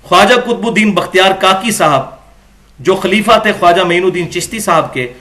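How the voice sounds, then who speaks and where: A man's voice: sits high, animated, sharp tone. A man giving a religious lecture, reading from books and arguing his points with emphatic peaks. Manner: argumentative, rising to emphatic peaks.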